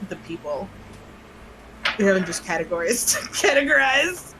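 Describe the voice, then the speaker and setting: A woman co-hosting a podcast in casual chat, quick to laugh and make sarcastic asides. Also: mid-range voice, very animated, over a noisy crowd, low-quality recording. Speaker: podcast co-host.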